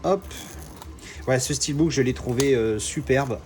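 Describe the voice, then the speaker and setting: A man, chatting excitedly through an unboxing, full of fillers and self-corrections. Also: mid-range voice, a little slow, faint music behind. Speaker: collector unboxing discs. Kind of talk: casual unboxing vlog.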